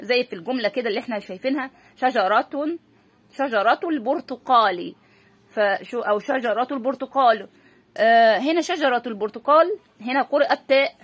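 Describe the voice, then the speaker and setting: This teacher, whose accent is Egyptian Arabic, walks children through spelling with patience, asking her own questions and supplying the answers. She speaks in a husky, somewhat high voice.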